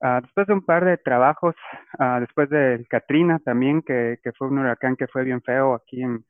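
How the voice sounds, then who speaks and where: A man's voice: medium pitch, steady tone, normal speed, no room sound. A man from Guatemala, a guest explaining his career in a casual interview. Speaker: guest, data scientist. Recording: tinny phone-like line, dry.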